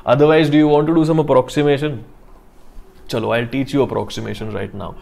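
A man with a North Indian accent gives a live online lecture at a middle pitch. He explains deliberately, one step at a time, restating points and asking short questions to check that students follow. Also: fairly even intonation, vocal fry, a little mellow. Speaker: chemistry teacher.

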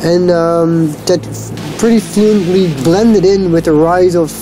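A man with a somewhat high voice chats loosely for a documentary, with "like" after almost every phrase. Clear music plays under his voice. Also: fairly even intonation, slow, rough recording. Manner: casual, filler-heavy with many "like"s. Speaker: DJ interviewee. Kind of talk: documentary interview.

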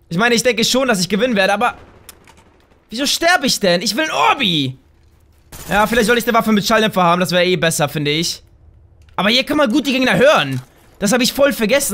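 A man with a bright, sharp voice talks viewers through his gameplay as a let's play host. He is chatty and excitable, and often bursts into loud shouts and exclamations. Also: high-pitched. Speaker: gaming channel host.

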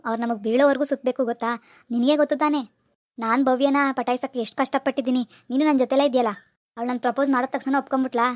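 A woman's voice: high voice, no room sound, clean studio sound, natural voice. A woman voicing a cocky young village man in a cartoon, pushy and know-it-all. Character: cocky young man giving love advice. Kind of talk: cartoon dialogue.

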